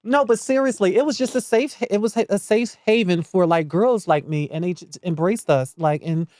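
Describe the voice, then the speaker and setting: A woman's voice: medium pitch, a little fast, a little mellow, no room sound, studio quality. A woman in her forties with a Philadelphia accent, chatting candidly and sassily as a podcast guest, laughing often. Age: 40s. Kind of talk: casual podcast chat.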